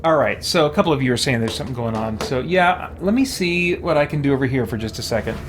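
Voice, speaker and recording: Speaking fast with lively intonation, this medium-pitched man streams a casual game amid background noise and background music. As host, he rambles and thinks aloud while chatting with viewers and reading their comments.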